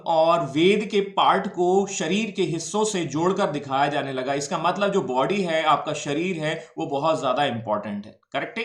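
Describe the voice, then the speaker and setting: A man's voice: a little high, fairly bright tone, echoey room. A male teacher gives an exam-prep history lecture, explaining step by step, mixing Hindi and English and checking that students follow.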